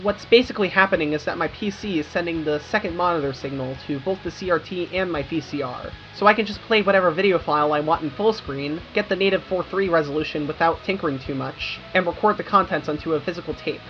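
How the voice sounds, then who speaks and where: A young American woman with a fairly low, slightly bright voice talks fast with few pauses, narrating a scripted video essay in a wry, informal style with casual asides, like a creator guiding viewers. Her audio sounds a little dull, and music plays in the background.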